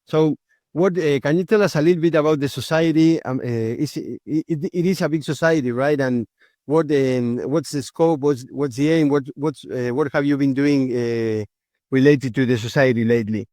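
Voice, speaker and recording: A man's voice: mid-range voice, moderate pace, dark tone, dry recording. A young man from Argentina, interviewing a guest and asking questions with fillers and repeated restarts. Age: young adult. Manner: repetitive restarts, many fillers. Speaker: interviewer, surgeon.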